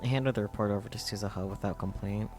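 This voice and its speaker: A man's voice: fairly low pitch, fast, a little mellow. A man reading a visual novel script aloud as narration, with his own asides, over game music. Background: game music and Japanese voice acting.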